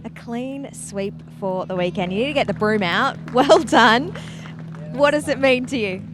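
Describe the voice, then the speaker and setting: A woman interviewing race drivers after a race, upbeat and quick with her questions. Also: on the high side, background noise. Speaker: pit lane interviewer.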